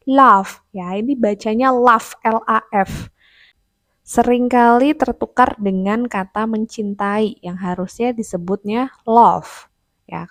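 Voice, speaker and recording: A woman teaching vocabulary, saying each word twice and then reading example sentences slowly and clearly in a patient explaining tone. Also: on the high side, no echo, studio quality. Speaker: English teacher. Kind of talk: vocabulary lesson narration.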